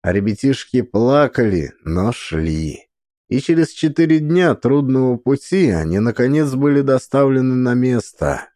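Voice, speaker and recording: A man reads a story aloud in a dramatic, expressive way. His pitch moves a lot. The recording is dry and close. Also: dry recording. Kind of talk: storybook narration.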